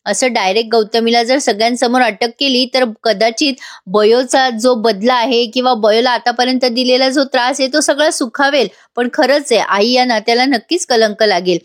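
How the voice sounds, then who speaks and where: A woman narrating a voice-over recap of a TV serial episode and talking straight to the viewers. Her voice is fairly high, and the recording is dry and close. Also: moderate pace, no room sound. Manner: addresses viewers directly.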